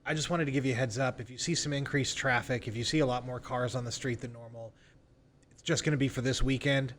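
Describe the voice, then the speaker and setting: Speaking fast in a steady, slightly bright mid-range voice, this man talks as a real estate agent on a conversational podcast. He informally walks through example sales calls and role-plays them, with slight background noise behind him.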